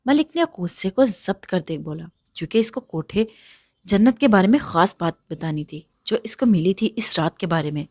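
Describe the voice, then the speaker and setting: A woman narrating a romance novel in a steady, even storytelling manner. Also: on the low side, no echo, studio quality. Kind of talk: reading a romance novel aloud.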